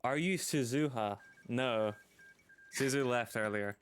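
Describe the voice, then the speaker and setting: A man with a mid-pitched voice drops joking, offhand asides as a co-player in a stream call. His chat is casual and quick to tease. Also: fairly bright tone, smooth.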